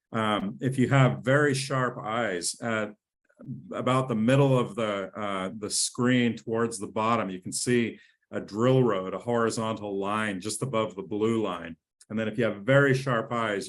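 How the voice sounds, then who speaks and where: Male executive presenter, somewhat low voice, eager and repeats himself. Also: fairly bright tone. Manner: enthusiastic, with frequent restarts and fillers. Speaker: company president and CEO presenting. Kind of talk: webinar presentation.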